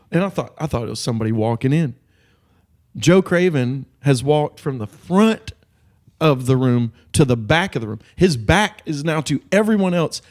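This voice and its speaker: A man's voice: on the high side, a little mellow. Intense storytelling man, podcast co-host. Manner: intense storyteller, acts out quotes. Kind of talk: casual chat.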